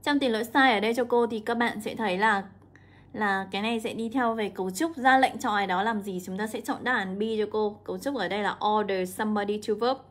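A young woman, an English teacher walking students through an exam, drawing out example words slowly. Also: medium pitch. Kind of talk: exam walkthrough lesson.

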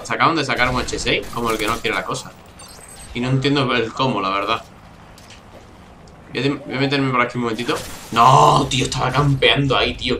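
A man's voice: mid-range voice, noisy background. A young man from Spain with a Spain Spanish accent, commenting on his own shooter gameplay in a chatty, exasperated way, swearing often and keeping his voice down. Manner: keeps voice down, not shouting. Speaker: gaming YouTuber. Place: home room, early morning.

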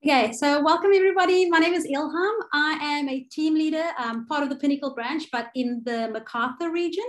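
A woman's voice: sits high, brisk. Chatty South African woman teaching online. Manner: chatty, filler-heavy, self-correcting. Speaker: cooking workshop presenter. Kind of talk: online workshop over a video call. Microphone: video call.

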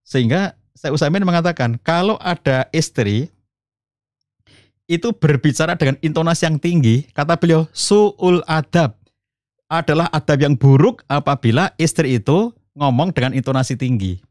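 A middle-aged man from the Solo region of Central Java, a family counselor speaking as a podcast guest in a calm, explanatory way, rising in pitch when stressing a point. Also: moderate pace, dry recording, clean studio sound. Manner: calm explanatory, addresses host as Ustaz, rises in pitch for emphasis. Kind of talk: conversational religious talk.

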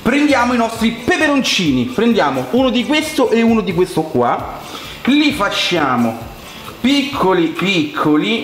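A man's voice: a little high, a bit bright. A young man with a Roman Italian accent chatting colloquially to viewers as he hosts a casual cooking demonstration. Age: young adult. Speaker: cooking vlog host. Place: home kitchen, indoors. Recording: echoey room sound.

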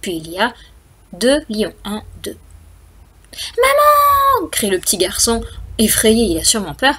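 A woman's voice: medium pitch, moderate pace, breathy edge. A woman storyteller reading a picture book aloud to young children, speaking to them directly and counting aloud with them.

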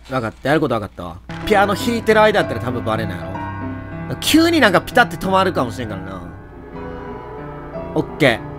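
A man with a Kansai accent giving jokey, animated running commentary on a horror game and talking to its characters. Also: on the high side. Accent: Kansai Japanese. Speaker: let's play host.

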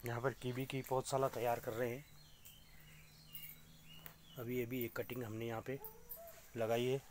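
A middle-aged man walks through a small polyhouse greenhouse, filming himself on a phone held at arm's length. His voice sits at an ordinary pitch, and he explains each crop plainly to the viewers. Faint outdoor sounds and animals can be heard behind him. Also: level tone, measured pace, slight background noise. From Uttarakhand, India. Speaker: organic farmer. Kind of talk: casual farm tour vlog. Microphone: phone camera held at arm's length.

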